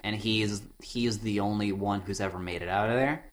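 A man's voice: lowish voice, fairly even intonation, a little fast. A man rambling through a casual comedic chat, laughing often and swearing.

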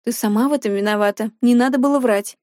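A stern middle-aged mother scolds her daughter in a high, clipped voice, as a woman narrating an audiobook voices her. The sound is dry and close to the mic. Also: fast, darkish tone, dry recording, lightly acted.

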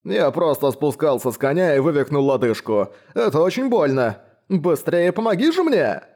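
A man's voice: on the high side, sing-song, moderate pace, darkish tone, voice pushed up. A man voicing a plump, cowardly aristocrat baron in an audiobook, wailing and full of self-pity. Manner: wailing, self-pitying cries of pain. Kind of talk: audiobook reading.

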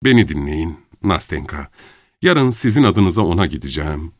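A man's voice: low-pitched, very animated, moderate pace, no echo, clean studio sound, pitched below the performer's own voice. A man reading a novel aloud, giving heartfelt, earnest lines to a lovesick young man.

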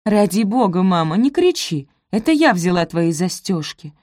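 A woman's voice: on the low side, big pitch swings, moderate pace, a little mellow, no room sound, studio quality. A woman voicing a plump, theatrical young woman who exclaims her lines with dramatic fervor.

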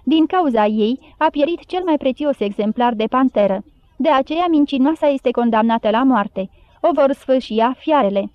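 A high-pitched woman narrates a storybook and gives its characters light voices of their own. The recording is dry and close, with a slightly dull, muffled top end. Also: lively intonation, no echo. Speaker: audiobook narrator.

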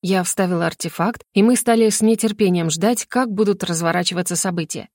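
A woman narrating an audiobook in a steady storytelling voice. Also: fairly low pitch, a little fast, no echo, clean studio sound.

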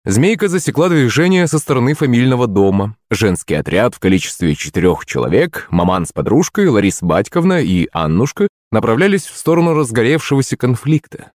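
A man narrates a comic fantasy story in the first person with a wry storytelling touch. His pitch moves up and down freely, and the recording is close and dry with no room sound. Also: very animated, fairly quick, hardly any pauses, darkish tone, dry recording. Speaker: audiobook narrator.

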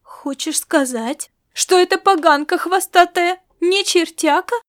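Woman voicing a shrill furious old grandmother. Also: a little slow, fairly bright tone. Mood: grumbling. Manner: shrill scolding, turns to sobbing and whispers. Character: fierce superstitious old grandmother, quick to anger. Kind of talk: audiobook character voice.

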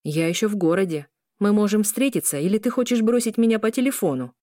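A woman's voice: lowish voice, lively intonation, normal speed, a little mellow, no room sound, clean studio sound, lightly acted. Woman doing an irritated young boyfriend. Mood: curt. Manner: curt, irritated.

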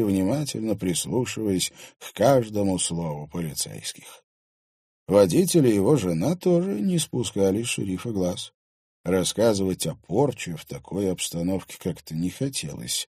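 Man reading an audiobook, mellow and husky. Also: normal speed, no echo, clean studio sound. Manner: shifts pitch up for dialogue, lively delivery. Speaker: audiobook narrator. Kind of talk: audiobook reading with voiced characters.

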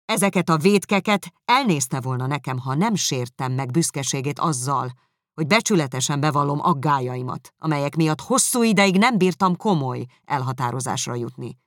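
Brief: narrator as haughty young gentleman, cool and measured, dry close sound. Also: medium pitch, dry recording, natural voice. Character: proud cold young gentleman. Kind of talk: audiobook character reading.

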